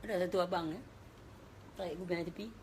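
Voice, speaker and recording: A woman's voice: fairly low pitch, fairly even intonation, quick pace, a little hiss or hum. A woman with a northern Malaysian accent giving a casual religious talk, chatty and dropping in English words. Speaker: religious speaker.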